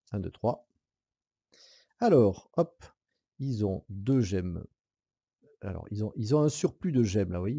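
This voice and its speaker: Man with a very dark, lively voice. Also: mid-range voice, creaky, husky, dry recording, clean studio sound. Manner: thinks aloud, counting dice and weighing moves; casual, with hesitant fillers and soft laughs. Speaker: board game player explaining rules. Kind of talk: solo board game playthrough tutorial.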